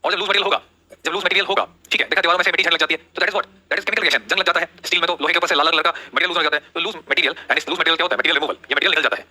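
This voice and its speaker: A man's voice: on the high side, fairly even intonation, racing, sharp tone. A man teaching a live online class, who keeps asking questions, repeating the key terms and urging viewers to take notes. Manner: asks rhetorical questions and repeats the answers.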